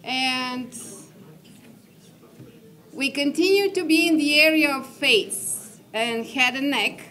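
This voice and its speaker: Woman, dentist giving a conference talk, somewhat high voice, halting delivery, frequent throat clearing, voice fading. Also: sharp tone. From Bulgaria. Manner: hesitant, with frequent fillers. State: losing her voice, clearing her throat. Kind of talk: conference presentation.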